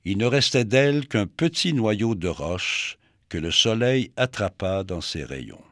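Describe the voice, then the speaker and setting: A man reading a children's story aloud in a gentle, expressive storybook manner. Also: fairly low pitch, measured pace, no room sound, clean studio sound.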